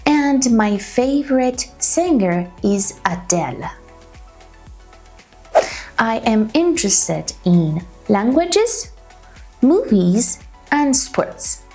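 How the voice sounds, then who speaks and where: Woman in her 30s, ESL teacher, slow and clear, sing-song pitch, bit of vocal fry. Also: very animated, mellow, faint music behind. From Canada. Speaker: English teacher. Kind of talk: slow beginner English lesson. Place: small room indoors.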